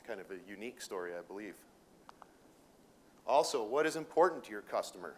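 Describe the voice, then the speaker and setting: Here a middle-aged Detroit native with a Minnesota accent talks informally to educators in a room with an audience, rambling in a folksy way with many fillers and restarts; he's a welding sales manager. His voice runs on the low side, expressive and darkish in tone, at a fairly quick pace.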